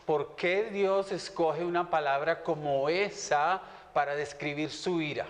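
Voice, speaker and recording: A fairly high-voiced man interprets a lecture live, reading scripture aloud and repeating each point after the teacher. His voice carries a long reverb from a large hall. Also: unhurried. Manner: reads aloud, then echoes the teacher phrase by phrase.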